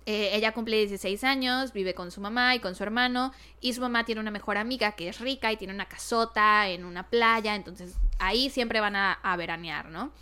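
A woman's voice: medium pitch, brisk, few pauses, pushed and bright, clear, resonant tone. A young woman with a Mexican accent chatting casually as a podcast co-host, mixing English words and slang into her Spanish. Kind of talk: casual chat.

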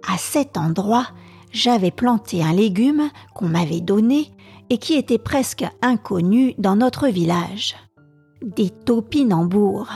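A woman narrating a classic novel slowly and deliberately as a storytelling podcast host. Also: mid-range voice, slightly rough. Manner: slow, soft and deliberate.

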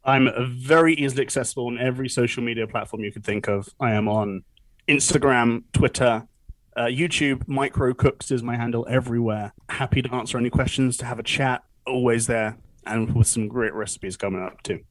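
A man's voice: medium pitch, steady tone, fairly quick, dry recording, poor audio. A young man chatting as a podcast guest, laughing often and poking fun at himself. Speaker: podcast guest, cruise ship entertainer. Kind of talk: casual interview chat.

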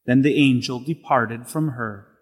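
A man serving as deacon, reading the gospel and preaching in a slow, measured way, with his voice echoing through a church. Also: medium pitch, breathy edge. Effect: cathedral-like church echo. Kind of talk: liturgical gospel reading and homily. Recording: long reverb in a church.

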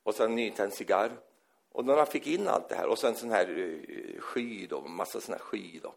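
A man preaching a sermon in an animated storytelling manner, often acting out the people he quotes. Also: on the low side, gravelly.

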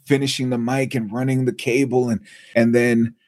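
A man telling an animated story as a guest on an interview show, acting out the people he quotes. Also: medium pitch, moderate pace. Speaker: guest, TV and radio personality.

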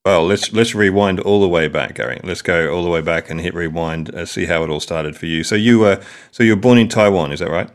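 A man hosting a podcast in a low voice. He asks friendly, halting questions and restarts them often as he steers the interview. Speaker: podcast host.

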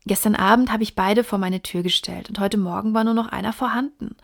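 This is a blunt, candid young baronet raised in America, voiced by a woman reading an audiobook. He talks plainly, with a gravelly fry at a middle pitch. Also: fairly even intonation, a little fast. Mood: plainspoken.

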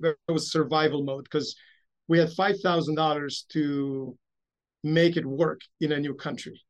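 This man in his fifties, from Romania, recounts his family's past as an interview guest. His voice sits a little higher than most men's, and he talks in an unhurried, anecdotal way, often poking fun at himself. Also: poor audio. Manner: measured, anecdotal and self-deprecating. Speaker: guest, investment bank CEO. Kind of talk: interview storytelling.

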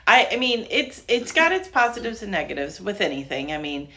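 A woman's voice: mid-range voice, sing-song, a little fast, a bit bright. A middle-aged woman co-hosting a business podcast, rambling and self-deprecating as she tells stories. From Florida, US. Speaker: podcast co-host, realtor. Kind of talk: casual chat.

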